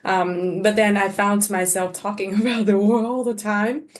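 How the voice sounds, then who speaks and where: A woman's voice: mid-range voice, level tone, moderate pace. A woman from Vietnam, whose first language is Vietnamese, speaking as a scholar on a webinar panel. She talks hesitantly over a video call, with many fillers and restarts.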